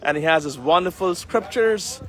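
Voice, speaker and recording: A man live-streaming from a city street as a community leader addresses viewers earnestly in a formal public-speaking manner, with traffic and street ambience around him and poor audio. His voice sits high and a bit bright, at a moderate pace.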